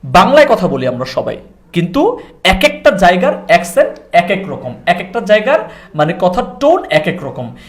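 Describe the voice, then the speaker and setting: A man's voice: high-pitched, wildly swooping pitch, moderate pace. Chatty man with Noakhali accent. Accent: Noakhali Bengali. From Noakhali, Bangladesh. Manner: chatty, teasing, mixes English into his Bengali. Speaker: English language trainer. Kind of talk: casual conversational interview.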